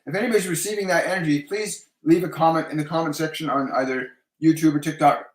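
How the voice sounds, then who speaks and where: A man hosting a live-stream Q&A as a spiritual medium, giving slow, soothing guided instructions and repeating each one twice. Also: fairly high pitch. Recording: roomy echo.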